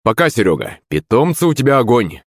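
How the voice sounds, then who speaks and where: A man reading an audiobook, voicing an eager, brisk young official who talks in quick, excited bursts. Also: medium pitch, no room sound, studio quality, voice pushed up.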